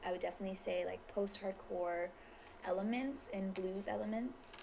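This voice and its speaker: A woman's voice: medium pitch, moderate pace, vocal fry, darkish tone, a little hiss or hum. Playful woman. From Queens, New York. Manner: informal, playful, frequent "like". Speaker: interview guest, musician. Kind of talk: casual interview chat.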